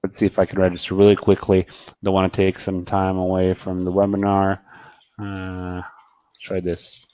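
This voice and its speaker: Man hosting a halting live webinar. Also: low voice, completely flat delivery, warm tone, no echo. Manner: halting, many fillers and repeated words, reads out attendee questions. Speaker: webinar host answering product questions. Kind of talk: casual live Q&A webinar with screen demo.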